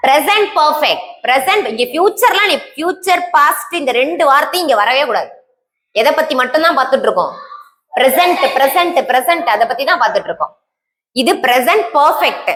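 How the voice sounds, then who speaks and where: This English teacher, a woman with a Tamil accent, speaks in a high, lively, fairly bright voice at a slightly fast pace. She gives a classroom grammar lesson, quizzing students, repeating key terms and answering her own questions.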